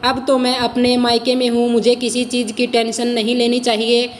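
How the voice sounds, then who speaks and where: A woman's voice: a little high, completely flat delivery, moderate pace, big-room sound, natural voice. A woman voicing a bitter, quarrelsome married daughter in a storybook reading, with a complaining, indignant manner.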